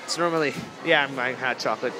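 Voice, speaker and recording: Here a young male vlogger talks fast in a medium-pitched voice, giving loose, amused commentary while walking a zoo's night light show. Handheld camera audio captures a noisy, packed outdoor scene with crowd chatter and ambient outdoor noise.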